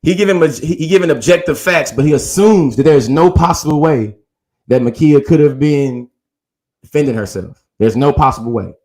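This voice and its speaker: A man's voice: a little high, moderate pace, a little mellow. A man recapping a debate in casual talk, earnestly laying out long chains of reasoning and leaning on the word "literally".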